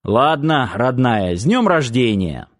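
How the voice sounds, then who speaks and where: A man's voice: mid-range voice, very animated, slow pace. Man doing a grumbling old grandfather. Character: gruff grey-bearded grandfather, grumbling and caring.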